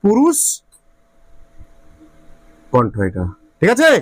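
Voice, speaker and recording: Guy teaching physics in class, highish voice, keeps asking students if they get it. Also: huge pitch swings, slow, dry recording. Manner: drills students with repeated questions, checks understanding often. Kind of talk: classroom lecture.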